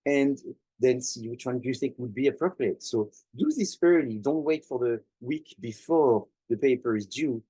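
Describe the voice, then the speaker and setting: A man's voice: mid-range voice, normal speed, warm tone, slightly rough, dry recording, poor audio. A man lecturing students as a professor, speaking conversationally and repeating points for emphasis.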